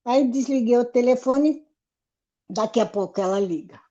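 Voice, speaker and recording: Woman, high voice, laughing storyteller, muffled call audio. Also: normal speed, mellow. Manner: laughs often while telling a story. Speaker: group participant. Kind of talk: casual storytelling. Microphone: video call.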